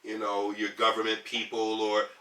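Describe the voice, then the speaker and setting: A man in his thirties from Detroit talks earnestly as a podcast guest, his slightly low voice carrying a bright, forceful edge. He rambles through ums and restarts. He sits away from the mic in an echoey room. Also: monotone, moderate pace, far from the mic. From Detroit, US Midwest. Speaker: podcast guest, community organizer. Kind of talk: casual podcast conversation.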